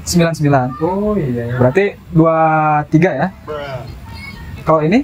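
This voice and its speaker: A man's voice: fairly high pitch, expressive, normal speed, a little mellow, rough recording. A man in his twenties chatting and explaining as a street interviewer, recorded outdoors by a road. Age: 20s. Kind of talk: casual street chat.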